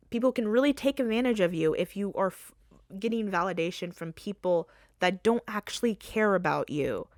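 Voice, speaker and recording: Female podcast host, young, animated and profane, close dry mic. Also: medium pitch, dry recording. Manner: animated, swears freely, laughs and trails off mid-thought. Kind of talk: casual solo podcast rant.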